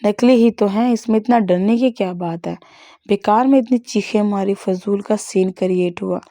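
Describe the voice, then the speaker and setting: A woman voicing a sharp-tongued, jealous young woman who speaks scornfully, as part of a story reading. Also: medium pitch, dry recording, studio quality, natural voice. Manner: scornful, spiteful.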